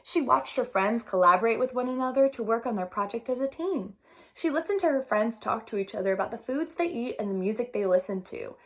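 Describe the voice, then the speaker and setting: A woman teacher reading a children's story aloud expressively, pausing to ask listeners questions. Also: a little high, lively intonation.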